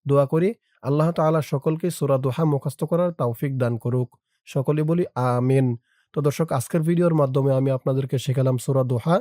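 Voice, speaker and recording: A man with a Bangladeshi Bengali accent teaching Quran reading, spelling Arabic words syllable by syllable and reciting them in a slow drawn-out chant. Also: mid-range voice, no echo, clean studio sound. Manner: speaks to viewers directly in quick, soft-spoken asides.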